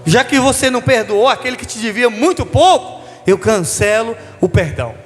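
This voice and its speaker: A man's voice: extremely high pitch, lively intonation, normal speed, big-room sound, faint music behind. A Brazilian preacher man voicing a stern king who reproaches his servant in a parable. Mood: reproachful. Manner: reproachful, questioning. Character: stern male king rebuking an unforgiving servant.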